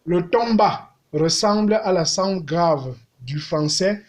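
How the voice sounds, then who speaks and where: A man teaching a language lesson, speaking deliberately and repeating words as he sings out vowels to show their tones. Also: sits high, expressive.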